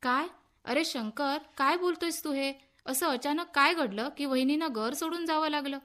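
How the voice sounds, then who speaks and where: Woman reading as a gentle, concerned male friend. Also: sits high, normal speed. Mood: shocked. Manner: gentle and reasoning.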